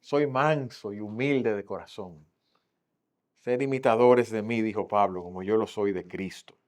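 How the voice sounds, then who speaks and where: Animated Dominican preacher man. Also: lowish voice, a little slow. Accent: Dominican Spanish. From Dominican Republic. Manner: animated preaching, acting out quoted voices with big swings in loudness. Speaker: pastor. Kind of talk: Sunday school sermon.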